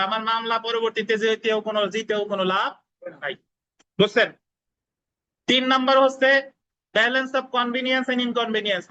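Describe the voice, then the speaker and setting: A man's voice: extremely high pitch, pushed and bright, lo-fi sound. A man giving a classroom law lecture, repeating key points, asking students whether they understand, and dictating spellings letter by letter. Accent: Bangladeshi Bengali. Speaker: law tutor.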